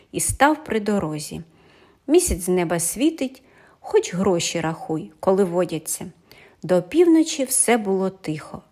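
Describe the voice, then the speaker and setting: Animated woman telling a fairy tale. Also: mid-range voice. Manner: animated, expressive storytelling. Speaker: storyteller.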